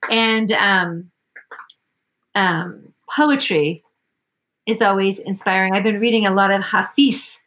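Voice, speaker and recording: A woman's voice: medium pitch, slow pace, long pauses, fairly bright tone. A woman, an opera singer and voice professor, chatting casually in an interview, upbeat and laughing often. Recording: dull lo-fi audio.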